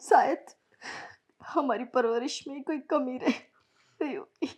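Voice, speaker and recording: An actress playing a hurt young wife who speaks softly and hesitantly. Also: female voice, sits high, slow, slightly rough, lo-fi sound, full character voice. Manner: soft, hesitant, subdued. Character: hurt, gentle young wife holding back tears. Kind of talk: scripted family drama acting.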